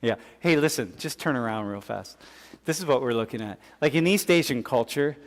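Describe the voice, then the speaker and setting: A man's voice: mid-range voice, expressive, a little fast. A male professor lecturing a class in a casual, conversational way, full of fillers and restarts. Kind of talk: classroom lecture with student questions. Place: large lecture hall. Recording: long hall reverb.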